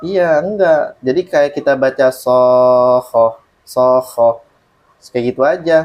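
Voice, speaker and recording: A man's voice: a little high, normal speed, a little mellow. A man teaching Quran recitation in an online lesson, patiently explaining rules and reciting examples, often checking that the student understands.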